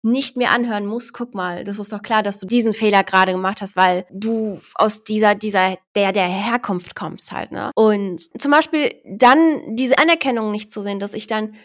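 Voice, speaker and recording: A woman from Berlin talking in a casual, reflective chat, often pausing to search for the right words. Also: mid-range voice. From Berlin, Germany.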